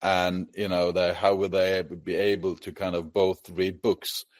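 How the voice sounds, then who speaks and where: Norwegian guy, lowish voice, stops and restarts a lot, dry close mic. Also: flat delivery, a little mellow, no room sound. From Norway. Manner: halting, restarts words often. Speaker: host, interviewer. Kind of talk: conversational interview.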